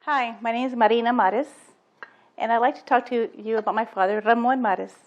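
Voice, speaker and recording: A woman giving a personal testimony about her late father, in an earnest, halting storytelling manner. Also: on the high side, fairly even intonation, noisy background. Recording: dull lo-fi sound.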